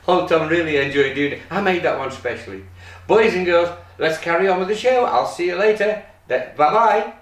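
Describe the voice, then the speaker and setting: A man's voice: high-pitched, normal speed. A man performing as a kids party magician and children's host, telling stories in simple, repeated phrases with exaggerated mock surprise and pantomime questions. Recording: roomy echo, distant microphone.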